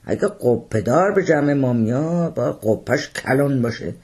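Man voicing a husky, joking tavern host, upbeat and teasing, storybook reading. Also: mid-range voice, lively intonation, darkish tone. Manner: playful, teasing banter. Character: jovial flattering male tavern host, joking. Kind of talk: audiobook character voice.

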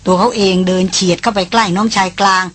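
A woman narrating a novel as an audiobook in a steady storytelling manner. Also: medium pitch, quick pace. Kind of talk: novel reading.

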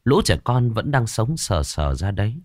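A man narrating a scripted ghost story in a dramatic, suspenseful way with slow pauses. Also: on the low side, sing-song, a little mellow, dry recording, studio quality.

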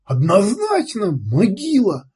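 Man doing a loud boastful redcap savage. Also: sits high, huge pitch swings, slightly rough, pitched above the performer's own voice, heavily acted. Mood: boastful whiny. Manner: loud, hurried, whiny boasting. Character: boastful male redcap savage, crude, excitable.

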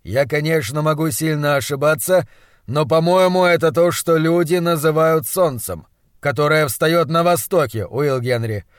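A man putting on a hoarse, bossy scientist. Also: on the high side, moderate pace, dry recording, studio quality, close to an everyday voice. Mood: brisk, hectoring. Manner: loud, emphatic, hectoring. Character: brusque excitable middle-aged male scientist. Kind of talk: audiobook character voice.

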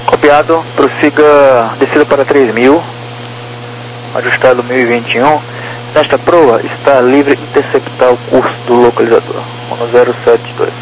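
A man's voice: medium pitch, steady tone, moderate pace. A man working as an air traffic controller, giving clipped procedural instructions over two-way radio. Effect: two-way aviation radio. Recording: slightly noisy, humming radio transmission.

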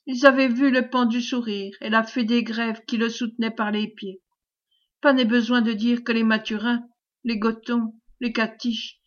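A woman reading a classic novel aloud as an audiobook, measured storytelling. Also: fairly high pitch. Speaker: audiobook reader. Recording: dull lo-fi recording.

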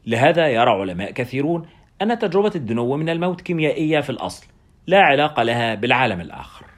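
A man's voice: mid-range voice, very animated, rapid-fire, close to an everyday voice. A man voicing a bearded, talkative German anesthetist who lectures a colleague on drugs, in a storybook reading. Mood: explaining. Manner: explaining drug facts, lecturing.

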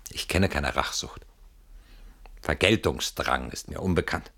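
Playing a guilt-ridden, evasive man in a German radio play, this actor makes the character self-justifying, halting and brooding, with abrupt protesting outbursts. He uses a full character voice that is low, husky and a bit bright, sounding brooding and defensive.

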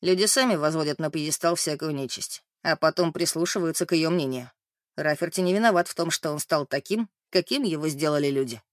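A man voicing a world-weary, sage-like man in an audiobook, calm and philosophical. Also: on the high side, fairly quick, no echo, studio quality, lightly acted. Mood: wry. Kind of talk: audiobook character reading.

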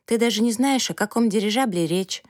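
A pert teenage girl, as a woman reader puts her on in an audiobook, with a high, bright voice that leans hard on every word. She is dramatic and quick to sulk, and her lines swing well above the reader's own pitch. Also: no room sound, clean studio sound, natural voice. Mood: sassy. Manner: high-pitched, sassy, emphatic.

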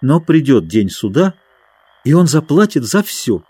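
A man's voice: on the high side, very animated, a little slow, breathy edge, no room sound, voice pushed up, full character voice. An adult man voicing a timid, earnest young girl disguised as a boy in a storybook reading. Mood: plaintive. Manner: gentle, pleading, earnest.

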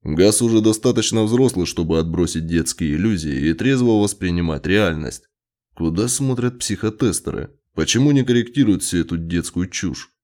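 A man's voice: low voice, animated, moderate pace, a little mellow. A male narrator voicing a cold, irritable scientist husband who talks curtly and sneers. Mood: snapping. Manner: curt, snapping, sneering.

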